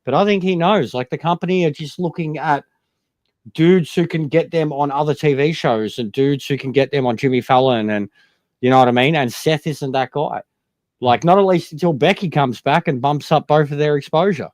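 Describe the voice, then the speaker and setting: A man's voice: on the high side, normal speed, a little mellow, dry recording, clean studio sound. A man talking casually and emphatically as a wrestling fan co-host, opinionated, repeating his points and swearing freely. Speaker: wrestling talk show co-host. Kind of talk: casual sports fan debate.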